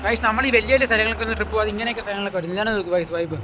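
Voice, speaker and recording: A man's voice: sits high, very fast. A young man in casual vlog chat, mixing English into Malayalam and often addressing the viewers directly. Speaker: friend on the trip. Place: outdoors and on the road. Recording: noisy outdoor phone audio, vehicle sounds.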